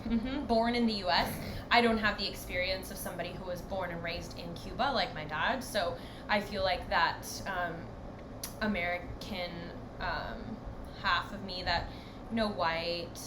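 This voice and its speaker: A woman's voice: on the low side, fairly even intonation, moderate pace. Young woman in an echoey, noisy room. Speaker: podcast co-host. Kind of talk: casual chat. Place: home, far from the other host. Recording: echoey room with background noise.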